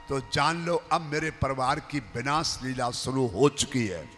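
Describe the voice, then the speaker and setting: A man's voice: fairly high pitch, bright, forceful tone. A man preaching a devotional sermon, impassioned, breaking into sung verses. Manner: impassioned, rising to sung chanting. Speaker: kathavachak preacher. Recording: live hall with music, reverberant.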